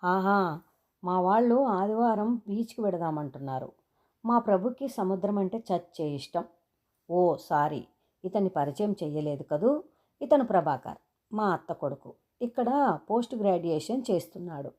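A woman's voice: lowish voice, animated, moderate pace, darkish tone. A breezy, friendly young female student chatting, voiced by a woman reading a story. The voice stays close to the narrator's own.

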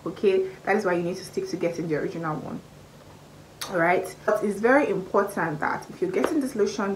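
A woman's voice: fairly low pitch, darkish tone, slight background noise, rough recording. Emphatic young Nigerian woman vlogging. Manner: emphatic, repeats key points, rises sharply for stress. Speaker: beauty vlogger. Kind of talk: casual product review vlog. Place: small indoor room by a curtained window. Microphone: camera at arm's length, face framed close.

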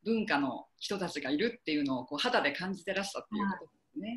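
A woman's voice: lowish voice, animated, rapid-fire, reverberant. A woman hosting an interview who politely asks questions and sums up her guest's answers. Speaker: interview host, English coach.

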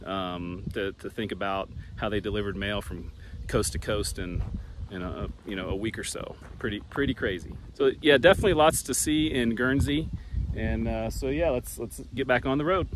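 A man's voice: lowish voice, normal speed, noisy background. Easygoing man vlogging on a road trip. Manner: easygoing, thinking aloud with fillers and restarts. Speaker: travel vlogger. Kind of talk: casual travel vlog. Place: in a car, then outdoors on open prairie. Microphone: handheld camera at arm's length.

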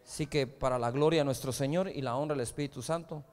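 A man's voice: mid-range voice, fast. A male pastor preaching a sermon, telling stories in a conversational way with frequent rhetorical asides. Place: large church hall. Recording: live church hall reverb.

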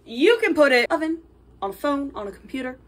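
A woman's voice: high voice, sing-song, fairly quick, pitched above the performer's own voice. A woman voicing a bubbly, sweet young video game princess with a chirpy, sing-song delivery. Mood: chirpy instructing. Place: home kitchen, indoors. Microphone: camera a step or two away.

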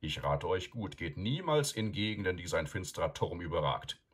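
A man doing a loud, stern old wizard. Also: low-pitched, very animated, normal speed, slightly rough, exaggerated voice. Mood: stern, lecturing. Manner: loud, admonishing, emphatic. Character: old male wizard, stern, lecturing, bossy.

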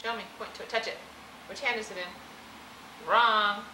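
A woman's voice: medium pitch, fairly even intonation, a little slow, pushed and bright, echoey room, slight background noise, low-quality recording. A woman coaxing and playfully questioning her toddler during a family home video, heard on old camcorder audio. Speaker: mother filming with her children.

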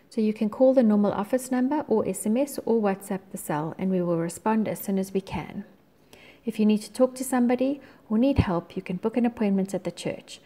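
A woman's voice: medium pitch, warm tone. A woman with a South African accent reading scripted church announcements.

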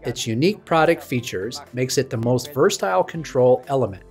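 Male presenter, 30s, polished keynote delivery, mid-pitched voice, light music under. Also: lively intonation, fairly quick, darkish tone. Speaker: product presenter. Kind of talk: scripted product keynote. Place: studio stage with dark backdrop.

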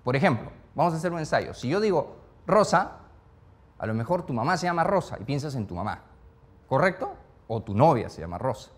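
A man's voice: on the high side, a little fast. A man teaching a speed-reading class, asking the group question after question and filling his talk with short tag questions. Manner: animated, questions the group over and over; peppers speech with "¿ya?" and "¿no?". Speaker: speed-reading course instructor. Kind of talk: interactive classroom lesson.

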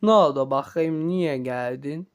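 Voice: medium pitch, unhurried, clean tone, pitched below the performer's own voice, lightly acted. A performer voicing an angry, threatening villain toilet father in an amateur cartoon fan dub. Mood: scolding.

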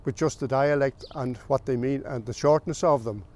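An older man from the south of Ireland, a farmer recalling his family's history in a plain, unhurried way with small pauses. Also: mid-range voice, darkish tone. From south of Ireland, County Meath. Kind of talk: oral history recollection.

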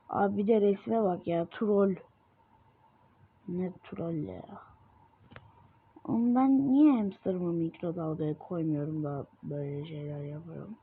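A woman giving excitable gameplay commentary, full of exasperated outbursts at the game. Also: lowish voice. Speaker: gamer. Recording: tinny lo-fi mic with noise.

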